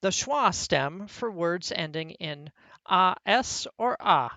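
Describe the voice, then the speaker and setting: A speaker delivering a scripted parody lecture as a mock college professor, in a deadpan, mock-serious manner. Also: mid-range voice, slow pace, creaky, no room sound, lo-fi sound.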